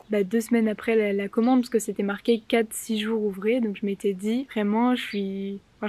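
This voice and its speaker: A woman's voice: medium pitch, darkish tone. A young woman vlogger telling stories in a casual, rambling and informal way, as if chatting to friends. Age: young adult. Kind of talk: casual chatty vlog storytelling.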